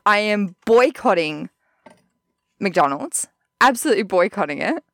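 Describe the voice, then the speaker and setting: An Australian woman co-hosting a podcast, telling a story in animated, casual chat and swearing freely. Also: medium pitch, measured pace, no room sound, clean studio sound. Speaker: podcast co-host.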